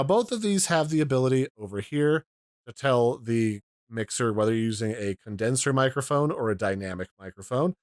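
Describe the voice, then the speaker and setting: A man's voice: medium pitch, dry recording, clean studio sound. A man giving a casual, explanatory demo of audio mixers, pointing out their controls, recorded at home. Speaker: tech reviewer. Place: home room.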